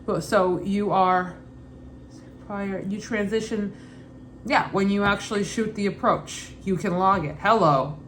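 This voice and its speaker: A woman's voice: medium pitch, measured pace, fairly bright tone. A woman with a loose Brooklyn accent reads study questions and answers aloud informally, repeating and rephrasing as she thinks through them. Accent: Brooklyn, put on loosely and unevenly. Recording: clearly noisy ambient background.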